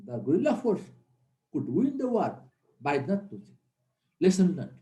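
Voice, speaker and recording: In a room with a roomy echo, a middle-aged Nepali military instructor lectures a class earnestly, going over key points again for emphasis. His high voice swoops wildly in pitch, has a dark tone and moves at a moderate pace.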